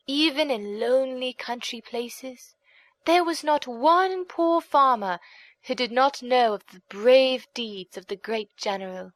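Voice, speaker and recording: Sitting high in pitch, a female audiobook narrator reads a folk tale with measured, expressive drama. The recording is dry.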